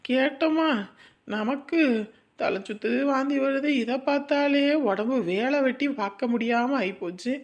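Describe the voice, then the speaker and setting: A woman's voice: high voice, moderate pace. A woman playing a weary young mother, grumbling and sighing to herself in a family drama monologue.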